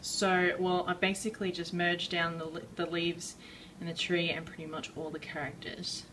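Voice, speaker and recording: A woman giving a casual drawing tutorial, rambling and self-deprecating with many fillers, a bit out of breath and clearing her throat. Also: on the low side, little pitch movement, moderate pace, fairly bright tone, distant mic, a little hiss or hum, poor audio. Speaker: art tutorial maker.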